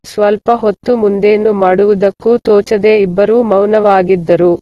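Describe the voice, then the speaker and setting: Slow, careful woman reading a story. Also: mid-range voice, steady tone, warm tone, no room sound. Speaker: narrator. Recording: dull, muffled dry recording.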